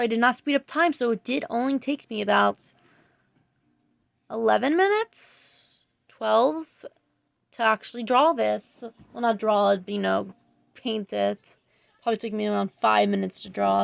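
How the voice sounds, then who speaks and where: A woman's voice: medium pitch, normal speed, creaky, no room sound. A woman talking casually over her drawing video, rambling and hesitant, full of fillers and self-corrections. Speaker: art channel creator, student.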